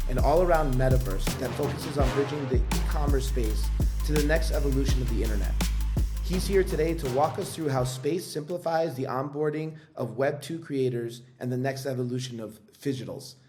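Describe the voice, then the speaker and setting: A man's voice: mid-range voice, fairly quick, over music. Filler-heavy male podcast host. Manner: hesitant, filler-heavy, frequent "right?". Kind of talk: casual interview conversation.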